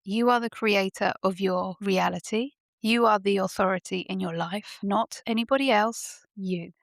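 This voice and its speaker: A woman's voice: medium pitch, gravelly, no echo, clean studio sound. A woman hosting a podcast and giving an emphatic motivational monologue full of rhetorical questions. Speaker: podcast host.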